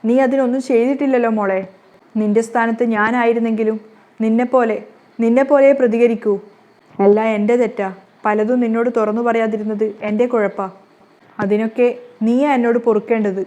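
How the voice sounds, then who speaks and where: A woman's voice: on the high side, steady tone, brisk, dark tone, natural voice. A woman voicing a middle-aged mother who holds back tears and keeps secrets, speaking firmly to her daughter-in-law. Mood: tearful. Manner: tearful, then firm and dismissive. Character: grieving middle-aged mother, secretive, loving yet stern.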